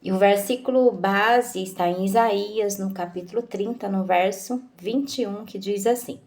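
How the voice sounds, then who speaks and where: A woman giving a devotional talk, slow and measured, asking her listeners questions. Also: medium pitch, a little mellow.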